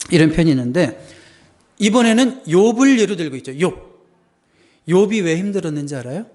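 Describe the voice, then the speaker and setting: Gravelly-voiced male pastor preaching. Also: on the high side, darkish tone. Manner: conversational, asks the congregation questions. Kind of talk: sermon.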